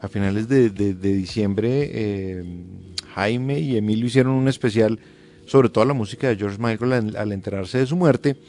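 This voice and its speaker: A male radio host in casual on-air chat, talking in quick restarts and animated asides. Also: fairly low pitch, soft background music.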